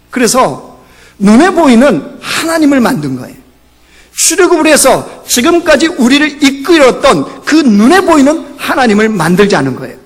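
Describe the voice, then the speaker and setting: A man preaching a Sunday sermon as pastor, asking rhetorical questions, climbing to emphatic peaks and then dropping low. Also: fairly bright tone. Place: church sanctuary. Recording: church hall reverb.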